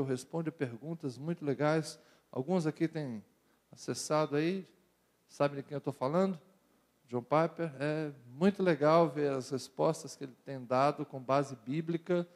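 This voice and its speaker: A middle-aged man with a Brazilian Portuguese accent, a pastor giving a sermon to young people, speaking conversationally with jokes and repeated phrases. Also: a little high. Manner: conversational preaching with jokes and rhetorical repetition.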